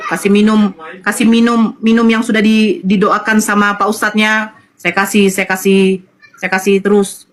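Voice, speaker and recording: A woman's voice: medium pitch, fairly bright tone. A middle-aged woman from North Sumatra giving an emotional personal testimony in an interview, repeating phrases and acting out quoted dialogue. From North Sumatra, Indonesia. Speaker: interview guest.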